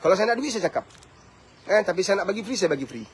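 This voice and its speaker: A man's voice: high voice, lively intonation, fast talker, slightly rough. A Malaysian Malay man in his fifties, a family coach giving a blunt, preachy talk to camera and scolding his listeners with repeated rhetorical questions. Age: 50s. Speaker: motivational speaker and family coach.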